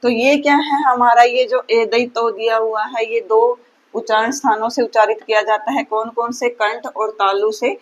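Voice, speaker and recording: A woman's voice: fairly high pitch, fairly even intonation, moderate pace, muffled recording. A woman teaching Sanskrit grammar for an exam, often asking her own questions and answering them. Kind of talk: exam-prep lesson.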